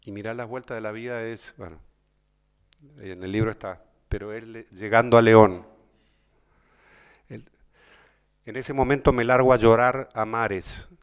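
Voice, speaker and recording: A man's voice: fairly low pitch, fairly even intonation, measured pace, pauses often, clean tone. A man with an Argentine accent telling a personal story to an audience, emotional and conversational, often repeating words and turning to his listeners. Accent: Argentine Spanish. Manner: addresses listeners directly. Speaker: speaker at a talk.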